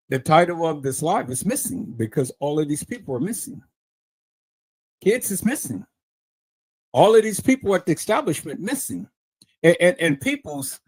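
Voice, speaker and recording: Man hosting a livestream, loose and repetitive, voice fairly high and very animated, dry close sound. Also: slightly rough, dry recording. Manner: rambling, repeats himself, addresses viewers as "peoples". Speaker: livestream host. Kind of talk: casual livestream commentary.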